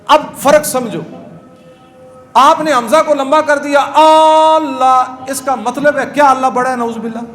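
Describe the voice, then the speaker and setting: High-voiced preacher teaching prayer rules. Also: male voice, fairly bright tone. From Pakistan. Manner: asks listeners questions and answers them; drawn-out chanted demonstrations. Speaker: mosque preacher. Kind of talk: religious lesson to a congregation.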